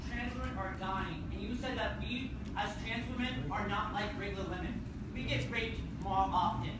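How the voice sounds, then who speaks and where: A woman's voice: medium pitch, normal speed. A woman protester confronting a speaker at a public event, emphatic and accusatory. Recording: very echoey noisy room, far off.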